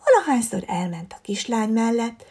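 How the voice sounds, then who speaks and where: A woman reading a children's story aloud in a soft, breathy narrating voice. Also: fairly high pitch, very animated.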